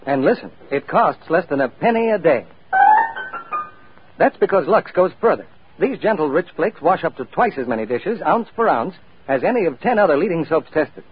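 A man's voice: on the high side, sing-song, moderate pace. Man announcing an old radio show. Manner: formal, polished announcer delivery. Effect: old-time radio broadcast sound. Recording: tinny lo-fi 1940s radio broadcast, faint music behind.

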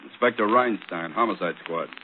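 Actor as brisk homicide inspector, tinny radio. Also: male voice, low-pitched, lightly acted. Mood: terse, official. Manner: businesslike, terse. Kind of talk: 1940s radio acting. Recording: tinny old radio, faint noise.

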